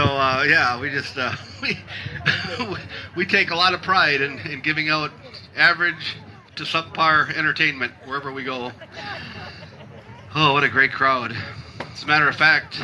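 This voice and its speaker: A man's voice: on the high side, pushed and bright, a little hiss or hum, low-quality recording. A man from Michigan emceeing an outdoor timber show, cracking jokes and teasing the crowd. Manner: wisecracking, self-deprecating, teasing the audience. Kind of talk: joking crowd banter over a PA. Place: outdoor festival stage.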